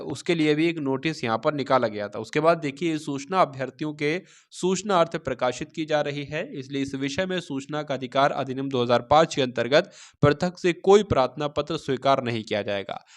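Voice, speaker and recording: An exam-prep instructor and channel host reads out official notices for students and explains them didactically, paraphrasing along the way and checking in with listeners. His voice is a little high.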